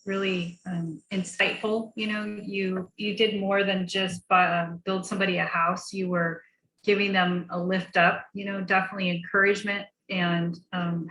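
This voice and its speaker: A woman hosting a class discussion, talking in a relaxed way with fillers. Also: lowish voice. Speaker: class host. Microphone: video call. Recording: echoey room on a video call, faint noise.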